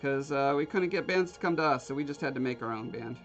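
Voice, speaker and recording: Faint music plays behind a man from Alaska who carves on a livestream and talks fast in a mid-range voice. He rambles casually and jokes around with the people in his live chat.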